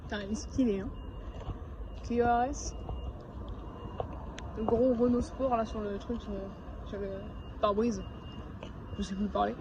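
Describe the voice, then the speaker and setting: A man giving excited commentary while spotting cars on a city street, gushing and stumbling over his words. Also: very high-pitched, unhurried, pauses often. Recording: dull lo-fi phone audio with loud street noise.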